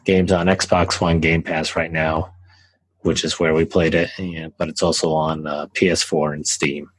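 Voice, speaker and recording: A man's voice: a bass voice, a little slow, husky, dry recording, rough recording. A young man co-hosting a podcast, chatting loosely about a game he played, with fillers and restarts. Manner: relaxed, rambling with fillers and restarts. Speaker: podcast co-host. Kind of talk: casual game review chat.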